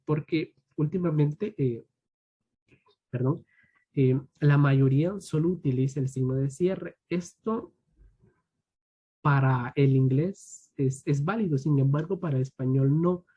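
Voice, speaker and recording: A young man from Guatemala, a student teacher giving an online grammar lesson. He reads rules aloud and then adds slow asides to his students. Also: on the high side, dark tone, breathy edge, highs cut off.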